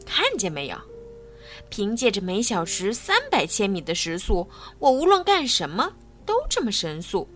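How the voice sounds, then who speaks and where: Cast: woman doing a smug, boastful male race car, lively sing-song lines, storybook. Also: medium pitch, moderate pace, faint music behind. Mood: haughty. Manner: haughty and mocking.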